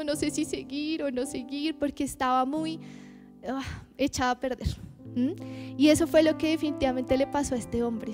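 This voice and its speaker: Brief: young woman, high voice, informal sermon over steady background music, self-deprecating and chatty. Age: 20s. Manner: chatty, self-deprecating, asks the audience rhetorical questions. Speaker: guest youth leader preaching. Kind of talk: testimony sermon.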